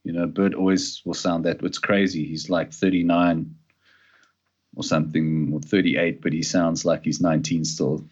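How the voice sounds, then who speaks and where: A man from Utah chatting as a guest on a remote call, a laid-back storyteller who drops into low mumbles. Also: level tone, normal speed, highs cut off. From Utah, USA. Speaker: guest, former touring guitarist. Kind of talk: casual chat.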